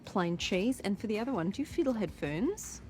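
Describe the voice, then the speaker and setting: A woman's voice: medium pitch, sing-song, moderate pace, darkish tone, a little hiss or hum, lightly acted. An actress playing a young woman with a put-on Australian accent, ordering odd pizza toppings by phone in a film comedy scene. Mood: deadpan chirpy. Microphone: phone call in film scene.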